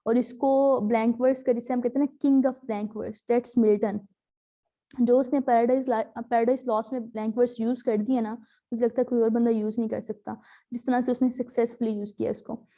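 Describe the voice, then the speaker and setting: A woman's voice: on the high side, steady tone, normal speed, dark tone. A woman teaching an online class over a video call, explaining step by step with frequent fillers on her terms. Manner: explains patiently, mixing in English terms, many fillers.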